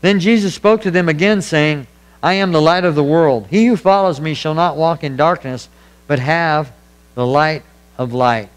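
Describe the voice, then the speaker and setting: A man's voice: on the high side, normal speed, clean tone, rough recording. A man preaching a sermon as pastor, earnest and emphatic, hammering points home through repetition. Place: church.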